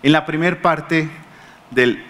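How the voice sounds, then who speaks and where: A man preaching a sermon in a Colombian accent, telling stories lively and acting out the people he quotes, often asking the congregation questions. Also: a little high, slow pace. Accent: Colombian Spanish. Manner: animated storytelling, acting out quoted speakers.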